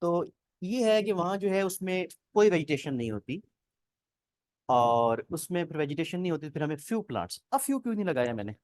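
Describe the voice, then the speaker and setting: Guy teaching a grammar class, keeps asking "clear?", dry recording. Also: on the high side, big pitch swings, moderate pace, darkish tone, no room sound. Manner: explains step by step, checks often if students follow. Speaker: English teacher. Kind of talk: online class explanation.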